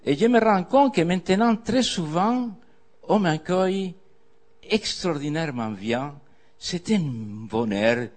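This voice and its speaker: A man's voice: on the high side, expressive, takes it slowly, a little mellow. An older man, a guest speaker on a theatre stage, telling meandering, wry anecdotes before an audience with frequent hesitations. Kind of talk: storytelling on stage.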